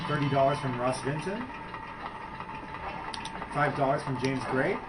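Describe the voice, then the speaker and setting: A man's voice: mid-range voice, a little slow, heavy background noise. A man reading donor names and messages aloud at a live gaming marathon, joking with the people around him. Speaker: donation reader. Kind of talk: casual donation reading at a live event. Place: indoors at a live marathon event.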